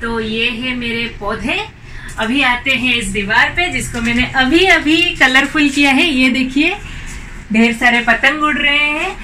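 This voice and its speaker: A woman in her thirties with a high, bright voice chats cheerfully as she shows off her balcony, often slipping in English words. The camera mic sits a little away from her, and faint outdoor air hums behind her voice. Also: a little slow, distant mic, slight background noise, low-quality recording. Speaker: home decor vlogger. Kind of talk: casual video tour narration. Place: small apartment balcony outdoors.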